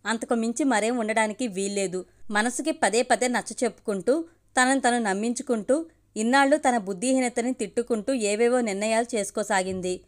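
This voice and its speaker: A woman reading a family story aloud as a storyteller, in an expressive, emotional way. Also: a little high.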